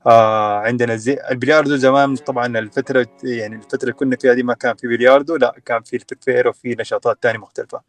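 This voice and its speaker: Young guy from sudan, fast halting talk, dry sound. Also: medium pitch, steady tone, dry recording. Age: young adult. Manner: hesitant, many fillers and restarts. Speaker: guest sharing his story. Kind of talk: casual online audio chat.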